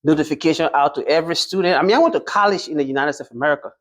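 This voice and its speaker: A man's voice: fairly high pitch, rapid-fire, a bit bright. A man from Liberia answering interview questions as a truck driving school graduate, hesitant, with many fillers and restarts.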